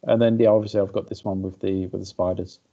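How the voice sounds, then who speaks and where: A man's voice: deep voice, level tone, fast talker. A man presenting at an online meetup, speaking hesitantly with many fillers. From Australia. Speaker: co-presenter, blogger. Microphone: video call. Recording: muffled online call audio.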